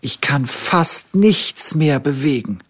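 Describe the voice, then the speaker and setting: A man's voice: on the high side, lively intonation, breathy edge, pitched above the performer's own voice, exaggerated voice. A man doing a whiny little tiger cub. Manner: drawn-out, pitiful pleading. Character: little male tiger cub, whiny, feeling sorry for himself.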